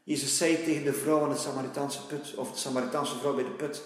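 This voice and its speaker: A male preacher giving gentle, repetitive prophetic worship ministry in a coaxing way. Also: medium pitch, little pitch movement, quick pace. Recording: echoey hall with faint music.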